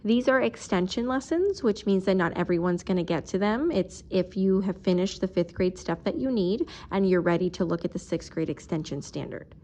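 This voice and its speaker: A woman's voice: fairly low pitch, moderate pace, hardly any pauses, mellow. Patient woman teacher explaining step by step. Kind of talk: recorded math video lesson.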